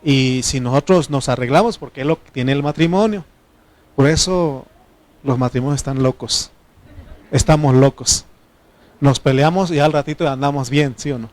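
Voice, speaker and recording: A middle-aged pastor from Mexico, whose first language is Triqui, speaks with a Mexican Spanish accent. His mid-range voice is a little mellow and moves at normal speed. He preaches a folksy sermon, asking the congregation for responses.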